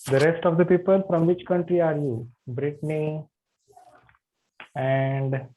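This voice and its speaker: This yoga anatomy teacher, who has an Indian accent, speaks in an unhurried, dark-toned voice that sits slightly high with fairly steady intonation. He's friendly with his online students and asks them questions, all captured through tinny video-call audio.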